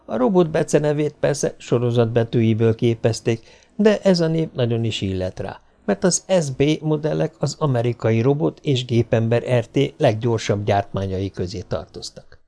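A man reading a science-fiction audiobook in a steady, measured narrating voice. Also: mid-range voice, creaky.

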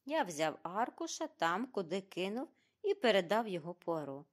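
A woman reading a detective novel aloud as an audiobook, narrating in an expressive, animated way. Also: medium pitch.

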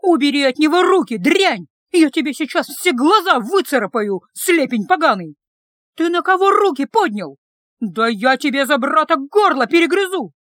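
Woman putting on a shrill young village woman, high, loud, yelling, very lively, dry sound. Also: moderate pace, dry recording. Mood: furious, shrill. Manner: shrill and shouting. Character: furious young village woman, fierce sister.

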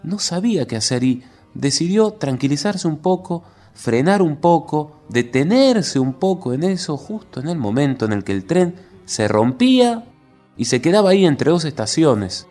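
Male storyteller, expressive and lively, wide swooping pitch, faint music under the voice. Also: normal speed. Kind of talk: scripted story narration.

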